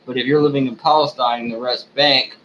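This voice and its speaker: A drunk man giving a rambling, off-the-cuff rant to his viewers, swearing often, halting and losing his thread. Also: medium pitch, steady tone, sharp tone, dull audio, a little hiss or hum. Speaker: online ranter, video host.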